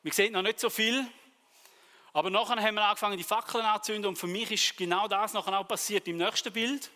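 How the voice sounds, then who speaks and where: A man with a Swiss German accent preaching a sermon, telling personal stories and acting out the dialogue in a lively way. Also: high voice, fast talker, in a large hall.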